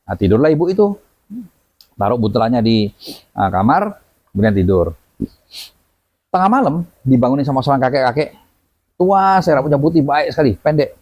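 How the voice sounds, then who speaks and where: A man telling a story as a guest in a lively way, acting out the voices of the people in it. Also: mid-range voice, moderate pace, pauses often. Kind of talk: animated storytelling. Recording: dull lo-fi audio.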